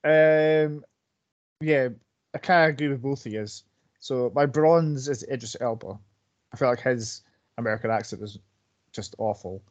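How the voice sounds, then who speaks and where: A man's voice: mid-range voice, unhurried, pauses often. A man co-hosting a casual film podcast, talking bluntly in a laid-back way and swearing casually. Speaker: podcast co-host. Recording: dull lo-fi audio.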